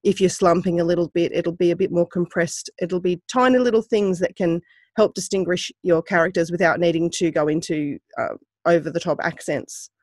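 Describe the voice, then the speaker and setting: A woman's voice: fairly low pitch, fairly quick, a little mellow, dry recording, clean studio sound. A woman guest on a podcast who narrates her own books, giving thoughtful, practical explanations in a casual chat. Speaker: guest author and self-narrator.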